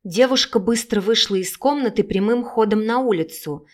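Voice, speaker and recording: A woman narrating an audiobook in a steady, measured reading voice. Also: a little high. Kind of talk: scripted narration.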